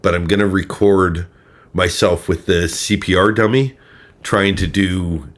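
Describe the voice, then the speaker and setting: A man's voice: deep voice, steady tone, measured pace. A man hosting a true crime livestream, rambling in a wry, sarcastic way while drinking a little. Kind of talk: casual live ramble commentary.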